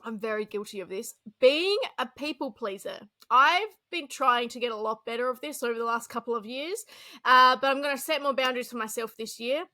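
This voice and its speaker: Bright, chatty woman. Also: a little high, fairly quick. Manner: chatty, animated, laughs often. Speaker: podcast co-host. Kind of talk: casual chat.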